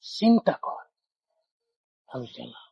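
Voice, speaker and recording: An actor playing a meddling village friend who sneers and spreads gossip. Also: male voice, takes it slowly, lo-fi sound, natural voice. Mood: sneering. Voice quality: sneering, insinuating.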